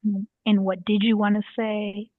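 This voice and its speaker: A woman's voice: medium pitch, little pitch movement, normal speed, no room sound. A woman student practicing Japanese phrases in an online class. She hesitates and restarts phrases. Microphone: video call. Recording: tinny dry call audio.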